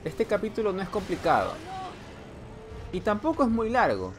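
A man giving joking running commentary while playing a horror game. He teases the character on screen and now and then lets out a sudden yell. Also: high voice, huge pitch swings, normal speed, noisy background. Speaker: gameplay commentator. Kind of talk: let's play commentary.

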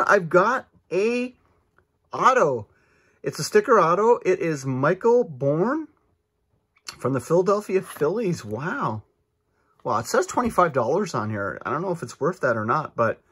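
Male host, somewhat higher pitch, husky tone, lively swings, chatty and excited, casual unboxing vlog. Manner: chatty and enthusiastic, lots of asides. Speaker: card-opening channel host. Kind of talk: casual pack-opening vlog. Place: indoors at a table, off camera.

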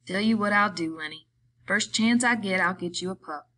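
A woman voicing a gruff, quick-tempered grown man, a ranch hand with rough rural drawling speech. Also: mid-range voice, pushed and bright, a little hiss or hum, lightly acted. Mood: gruffly softening.

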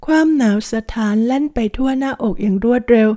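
Woman narrator for an audiobook, slightly high, mellow, calm and measured. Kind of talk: reading a translated historical romance novel.

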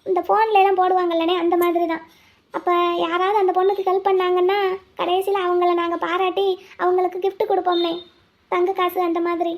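Cartoon lead: a scheming young village woman, very high voice, muttering plans to herself. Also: level tone, fairly quick. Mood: coaxing. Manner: talks to herself, pleading and coaxing. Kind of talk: cartoon voice acting, inner monologue and dialogue.

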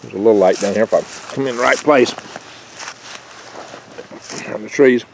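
A fairly low male voice with vocal fry comes through at a moderate pace on a low-quality recording with slight background noise. The older man hosts a foraging channel outdoors among pine trees in his garden, rambling chattily and folksily, with small jokes and stumbles, into a handheld camera mic held close.

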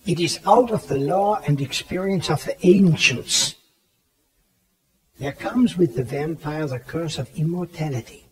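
A man playing a grave, authoritative elderly professor who hunts vampires, speaking deliberately and theatrically in an audio drama. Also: fairly high pitch, natural voice. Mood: grim, solemn. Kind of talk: dramatized audio play acting. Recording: 1979 cassette audio drama, background bustle.

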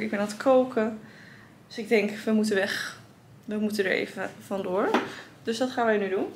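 A young woman with a Dutch accent, chatting casually to a handheld camera at arm's length in her apartment, thinking aloud in a relaxed way. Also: medium pitch, a little hiss or hum. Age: young adult. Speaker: vlogger. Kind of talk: casual vlog chat. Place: apartment living room, indoors.

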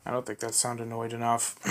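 A man's voice: medium pitch, completely flat delivery, moderate pace, fairly bright tone. A young man talking to himself at home between voice takes, muttering and critiquing his own reads. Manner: muttering, self-critical asides. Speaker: amateur voice actor. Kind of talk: casual self-talk between recorded takes. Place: home room.

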